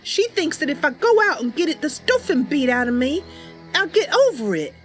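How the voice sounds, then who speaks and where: A bubbly, chatty woman livestreams while playing a game, talking casually and improvising roleplay as she goes. Her high-pitched voice swings widely in pitch at a normal speed, with soft music in the background.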